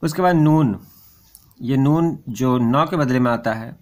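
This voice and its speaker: A man's voice: medium pitch, unhurried, darkish tone. Patient male Urdu script teacher. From India. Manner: patient, repetitive, points at the board. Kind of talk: explaining letters step by step.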